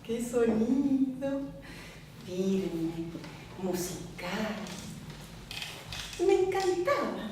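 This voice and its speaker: Una actriz con acento argentino que interpreta a Olga, una esposa recatada de mediana edad entregada a su marido, en un monólogo teatral expresivo que imita sonidos. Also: female voice, drawn-out words, pauses often, distant mic, noisy background, heavily acted. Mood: nostalgic. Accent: Argentine Spanish. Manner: expressive, mimics sounds and shifts pitch for emphasis. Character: Olga, a prim middle-aged wife devoted to her husband. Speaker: stage actress in a one-woman play. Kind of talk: theatrical monologue. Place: theatre stage.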